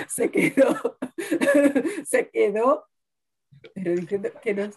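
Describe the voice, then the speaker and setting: A woman co-hosts a podcast, telling stories in a chatty way over wine and often tacking "¿no?" onto her sentences. Her voice is high-pitched with a darkish tone and a breathy edge.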